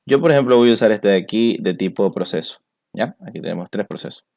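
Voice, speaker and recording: A man walks students through a software tutorial. He explains each step patiently, one click at a time, as a teacher would to a class. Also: fairly low pitch, animated, fast talker, vocal fry. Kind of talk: screen-recorded software tutorial.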